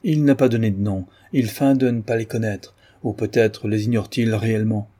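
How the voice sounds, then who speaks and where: A man reading an audiobook, voicing a grave older general who recounts events in a measured, solemn way. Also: on the low side, steady tone, warm tone, breathy edge.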